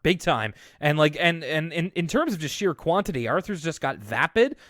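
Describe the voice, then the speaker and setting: A man's voice: a little high, expressive, normal speed, fairly bright tone, no room sound, clean studio sound. A man co-hosting a podcast, recapping a cartoon episode in a chatty, wry way with many fillers. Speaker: podcast co-host. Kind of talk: casual chat.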